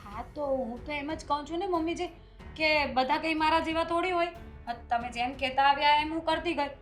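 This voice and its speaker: An actress playing a meek daughter-in-law who hesitantly tries to calm her strict mother-in-law. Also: high voice, brisk, soft background music. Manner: hesitant, soft, placating. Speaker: actor in a short film. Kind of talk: family drama acting.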